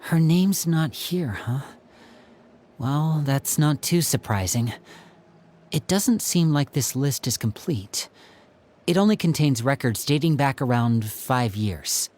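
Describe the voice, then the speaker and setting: A voice actor portrays a calm, earnest young person in a video game, speaking at a medium pitch in a measured, storytelling way. The mood is sober.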